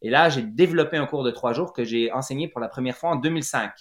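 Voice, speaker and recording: A middle-aged man with a Quebec French accent tells his story as an interview guest. His voice sits at a mid pitch, and he hesitates often, restarting phrases and filling pauses. The room around him sounds roomy and echoey. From Quebec, Lac-Saint-Jean. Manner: hesitant, many fillers and restarts. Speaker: guest, running clinic founder.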